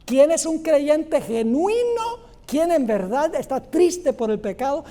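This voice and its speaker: A male pastor preaching a Bible study sermon with a dark, mellow tone. He tells the story with life, slipping into the voices of the people in the parable with quick leaps up in pitch and back down to a low, grave register. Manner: animated, acts out the parable characters with pitch jumps.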